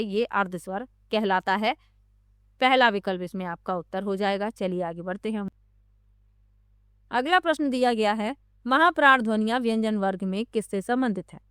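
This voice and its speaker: Smooth-voiced woman teaching exam questions. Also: medium pitch, lively intonation, normal speed, a bit bright, no room sound, studio quality. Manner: reads options then explains answer.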